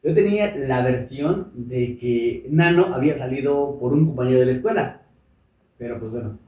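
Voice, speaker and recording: A man hosting an interview in a relaxed way. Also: mid-range voice, normal speed. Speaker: host. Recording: roomy sound, mic at a distance.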